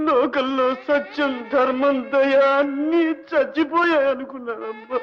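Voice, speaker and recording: An actor playing an old, ruined former millionaire suffering from leprosy, who speaks in a tearful, sorrowful and humble way. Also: male voice, extremely high pitch. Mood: tearful, grateful. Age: older. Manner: sorrowful, tearful, self-pitying pleading. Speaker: film character. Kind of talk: 1960s Telugu film drama. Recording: dull old film soundtrack with music.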